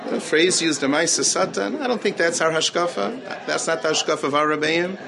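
A man's voice: on the high side, brisk, gravelly, crowd noise. A man teaching as a rabbi, earnest, repeating key phrases for emphasis and mixing Hebrew terms into his English. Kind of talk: Torah talk answering questions.

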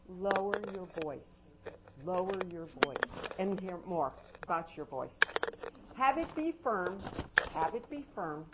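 Animated older woman, lo-fi noisy recording. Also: mid-range voice. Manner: animated, anecdotal, swings between soft and loud. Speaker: parenting and education speaker. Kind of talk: talk to a live audience. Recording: dull lo-fi recording with loud noise.

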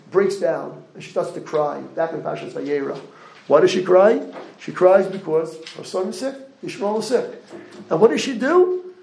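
A man giving a Torah lecture, animated, asking the audience rhetorical questions. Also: a little high, gravelly, roomy sound, low-quality recording. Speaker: rabbi lecturer.

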